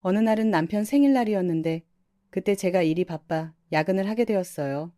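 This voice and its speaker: A woman narrating a scripted first-person family story in a calm, even tone. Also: medium pitch, fairly quick, dry recording, clean studio sound.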